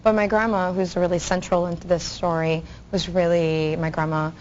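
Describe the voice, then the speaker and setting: A woman's voice: lowish voice, little pitch movement, moderate pace, a little mellow. A woman, a guest author, earnestly telling her life story in a TV interview with fillers and restarts. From Bahamas. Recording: dull audio, faint noise.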